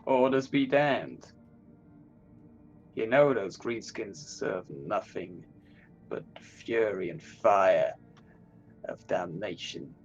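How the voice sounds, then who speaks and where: Man playing a goading inner conscience, cold, pious, accusing, breathy and hushed, slow, tabletop game, music behind. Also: on the low side, highs cut off. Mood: cold righteous anger. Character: accusing inner conscience of a zealous soldier, his mirror reflection.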